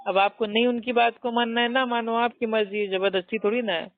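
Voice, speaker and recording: A man's voice: very high voice, flat delivery, fairly quick, dry recording. An Indian man arguing heatedly and mockingly over the phone, preaching and insulting his opponent. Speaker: debater. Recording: tinny dry phone line.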